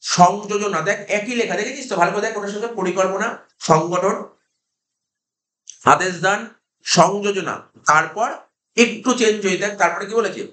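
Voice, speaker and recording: A man's voice: sits high, moderate pace, long pauses, fairly bright tone, echoey room. A man with a Kolkata Bengali accent, lecturing a class and drilling students with repeated questions. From India. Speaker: teacher.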